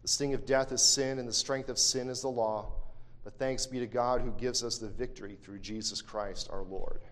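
A man's voice: on the high side, long reverb tail. A man teaching a Bible lesson, reading verses aloud and explaining them with emphatic repetition and frequent self-corrections. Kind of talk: scripture lesson.

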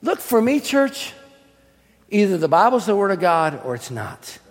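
A man preaching a fervent sermon, swinging between quiet teaching and shouted, drawn-out emphatic lines. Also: sits high, sing-song. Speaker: pastor. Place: church sanctuary. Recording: long hall reverb.

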